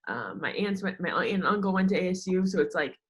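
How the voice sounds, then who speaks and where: Expressive and quick, this low-voiced young American woman chats as an interview guest. She's a former college golfer in sports media who tells personal stories, leans on "like," and quotes both herself and other people.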